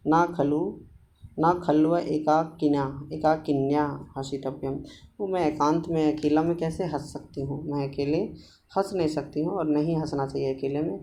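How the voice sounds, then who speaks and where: A man teaching a Sanskrit play, reading each line and then explaining it slowly in plain Hindi with many restarts. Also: fairly high pitch, steady tone, warm tone, slight background noise.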